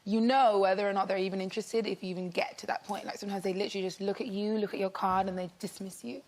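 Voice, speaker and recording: A woman's voice: mid-range voice, fairly even intonation, very fast, a little mellow. Chatty woman telling an anecdote. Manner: chatty, storytelling, full of "like". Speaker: talk show guest. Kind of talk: casual anecdote.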